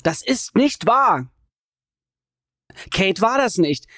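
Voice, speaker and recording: A woman's voice: low-pitched, expressive, unhurried, darkish tone, dry recording, studio quality. A woman reading an audiobook, voicing an agitated young man who speaks urgently and insistently.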